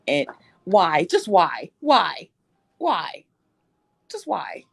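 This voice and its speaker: A woman's voice: fairly low pitch, huge pitch swings, extremely slow, creaky, breathy edge, no echo. A woman in casual chat, playful and teasing, laughing often.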